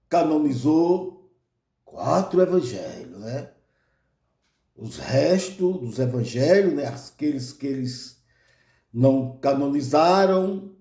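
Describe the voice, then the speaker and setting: A Brazilian man with a Brazilian Portuguese accent tells a comic tale at an unhurried pace, chuckling along the way. His voice sits fairly high. The room gives it a noticeable echo. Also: warm tone. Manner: chuckles often, fills pauses with "né". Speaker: storyteller. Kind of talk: comic storytelling monologue.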